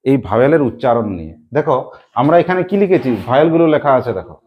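A woman's voice: rumbling low, sing-song, racing, husky, muffled recording. A woman teacher with a Purulia Bengali accent gives a classroom lesson, prompting her pupils to answer aloud in call-and-response.

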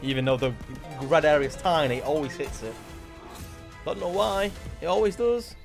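A man's voice: a little high, lively intonation, moderate pace, vocal fry. A man in his twenties giving casual, exasperated, complaining commentary as he streams online slots. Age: 20s. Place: indoor room at a streaming setup. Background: game music.

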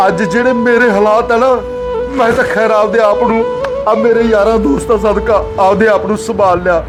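A man's voice: high voice, fairly even intonation, normal speed, over music, natural voice. An actor playing a grieving village father who speaks reproachfully. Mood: bitter. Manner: reproachful, emphatic.

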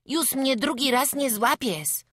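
A woman's voice: sits high, slow pace, a bit bright, breathy edge, no echo, studio quality, voice pushed up, heavily acted. A woman voicing a small homesick peasant boy who talks with a childish dialect lisp. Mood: defiant.

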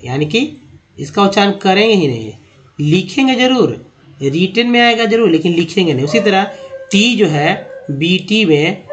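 Middle-aged male teacher, a touch high-pitched, drills words over and over and asks then answers his own questions. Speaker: English teacher. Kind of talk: classroom-style lesson on pronunciation.

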